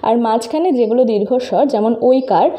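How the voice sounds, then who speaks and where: A woman teacher with a warm, fairly high voice explains phonetic symbols in a screen-recorded lesson, moving at a moderate pace. She addresses her students directly and patiently takes them through it step by step.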